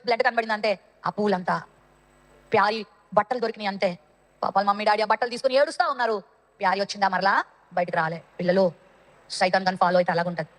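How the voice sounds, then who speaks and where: Woman storyteller for kids, high and fast, dramatic, in a hall with long reverb. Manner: dramatic, addresses the children directly. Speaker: Sunday school teacher. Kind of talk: children's Bible story.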